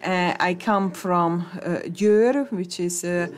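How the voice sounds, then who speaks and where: A woman interpreting conference talks into English, halting, with many hesitations and restarts. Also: on the low side, a little hiss or hum.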